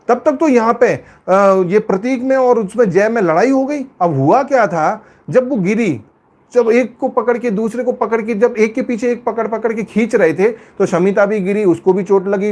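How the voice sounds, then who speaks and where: A man's voice: very high-pitched, darkish tone. A man giving a casual, emphatic spoken review of a reality show, repeating his points. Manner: emphatic, repetitive, acts out quoted lines.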